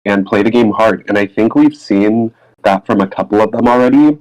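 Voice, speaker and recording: A man co-hosting a casual podcast, joking at first and later explaining his team's choices in an earnest, measured way. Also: lowish voice, darkish tone, rough recording. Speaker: podcast co-host.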